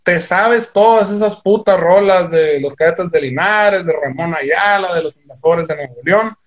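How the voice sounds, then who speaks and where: High-voiced Sonoran guy, slangy rambling. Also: unhurried. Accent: northern Mexican (Sonora). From Sonora, Mexico. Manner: heavy slang and swearing, rambling storytelling. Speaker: podcast guest, guitarist. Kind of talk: casual podcast chat.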